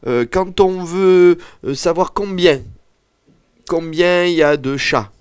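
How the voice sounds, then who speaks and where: A man teaching an Occitan lesson, explaining words slowly with hesitant fillers. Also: high-pitched, smooth, no echo, studio quality. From southern France. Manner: slow, hesitant, many fillers.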